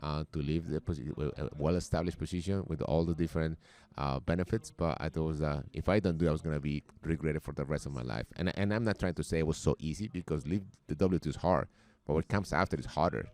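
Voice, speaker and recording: A man's voice: very deep voice, fast, hardly any pauses, darkish tone. A man in his forties with a Colombian accent, a podcast guest who often halts and repeats words as he talks. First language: Spanish. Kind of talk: casual interview talk.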